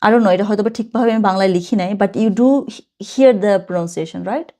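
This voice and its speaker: Woman, casual language teacher, chatty, careful slow reading of examples. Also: mid-range voice, warm tone. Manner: casual, chatty, mixes languages, reads German slowly and carefully. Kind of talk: online language lesson.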